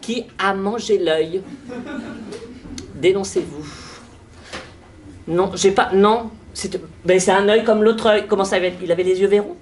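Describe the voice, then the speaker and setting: A man's voice: high voice, measured pace, long pauses, a little hiss or hum. A man playing a flustered new schoolteacher lady. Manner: flustered, stammering, many hesitations. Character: nervous young female schoolteacher, first day. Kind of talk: stage improvisation. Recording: roomy stage with live audience.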